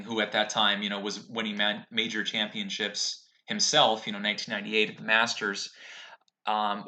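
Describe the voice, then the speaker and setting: A man hosting an unscripted talk about golf, with halting, reflective phrasing. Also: mid-range voice, pushed and bright. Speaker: host of a golf commentary show.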